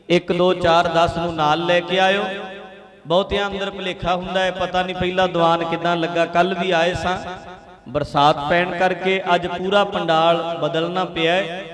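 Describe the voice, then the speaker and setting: A man, a Sikh preacher who alternates sung verses with spoken urging to the congregation, repeating phrases as he exhorts them. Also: high voice. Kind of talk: religious discourse with sung verses. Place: indoor hall. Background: music.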